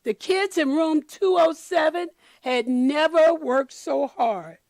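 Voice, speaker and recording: Woman, high voice, unhurried pace, expressive picture-book reading, speaking directly to children. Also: no echo. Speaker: storyteller for children. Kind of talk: children's picture book read-aloud with commentary.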